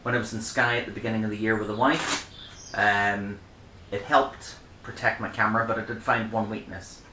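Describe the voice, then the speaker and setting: Speaking at normal speed in a fairly low, flat, sharp-toned voice, a middle-aged man rambles chattily with frequent ums while showing off his camera bags in a casual vlog. This show-and-tell review was recorded in an echoey room with a little hiss or hum.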